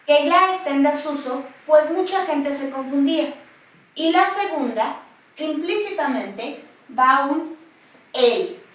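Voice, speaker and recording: Woman, high voice, slow deliberate spelling lesson, echoey and distant mic. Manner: slow, deliberate dictation-like delivery. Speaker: spelling teacher. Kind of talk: slow scripted lesson narration.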